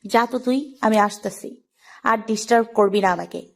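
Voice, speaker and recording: A woman's voice: fairly high pitch, moderate pace, gravelly. A woman playing a scornful bossy young wife. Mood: annoyed. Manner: harsh, contemptuous, bossy. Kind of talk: audio drama acting.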